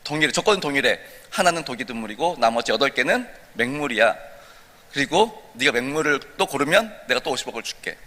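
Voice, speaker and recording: A man's voice: medium pitch, lively intonation, fast, sharp tone. A man voicing a sly devil who bargains and taunts, with a long church reverb. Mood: scheming. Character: sly tempting male devil, scheming and smug.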